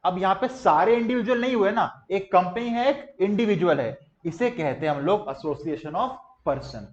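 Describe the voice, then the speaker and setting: A young man teaches a class with high-pitched energy, drilling students with call-and-response and gestures. He keeps the mood playful while teaching the material. The recording sounds slightly dull and muffled. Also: animated, normal speed. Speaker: commerce teacher. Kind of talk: classroom lecture.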